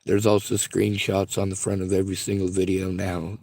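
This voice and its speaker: Man, caller, squeaky strained voice, gravelly, muted tone, aggrieved, earnest complaint. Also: completely flat delivery, normal speed, a little mellow. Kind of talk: distressed phone complaint.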